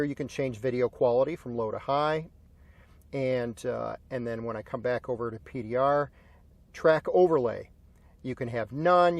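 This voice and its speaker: An American man hosts a car video with a mid-pitched voice. He explains features and tells stories in a clear, step-by-step narrating style. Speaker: host of a car video channel. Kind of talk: explanatory tutorial and storytelling narration.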